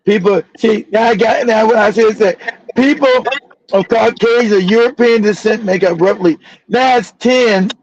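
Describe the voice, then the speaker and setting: A man's voice: high-pitched, moderate pace, no room sound, muffled recording. A man hosting a livestream talk show, delivering fiery, profane, repetitive commentary. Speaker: show host.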